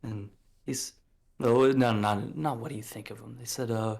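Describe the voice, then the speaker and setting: A man's voice: mid-range voice, fairly even intonation, moderate pace, vocal fry, a little mellow. Blunt, profane man in his late twenties. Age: late 20s. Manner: blunt, profane and preachy, with many fillers. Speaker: podcast co-host. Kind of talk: casual podcast chat.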